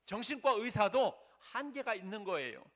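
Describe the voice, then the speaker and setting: High-voiced man preaching earnestly. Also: animated, moderate pace, a bit bright. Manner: earnest, conversational preaching with rhetorical questions. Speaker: pastor. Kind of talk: sermon. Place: church sanctuary.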